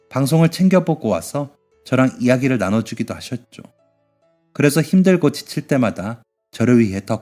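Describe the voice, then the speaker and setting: A man reading a scripted first-person story in an even, measured way. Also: medium pitch. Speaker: story narrator. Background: faint music.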